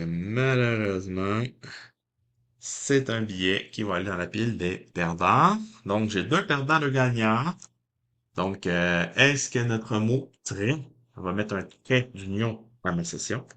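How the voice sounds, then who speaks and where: A man's voice: lowish voice, animated, takes it slowly, a bit bright. A man with a Québécois French accent, chatting casually to viewers as he scratches lottery tickets and reads the letters out one by one.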